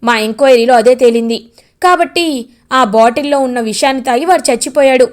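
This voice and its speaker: A woman's voice: high voice, fairly quick, natural voice. Woman voicing a cowering male henchman. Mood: fearful. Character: cowardly male henchman confessing in fear.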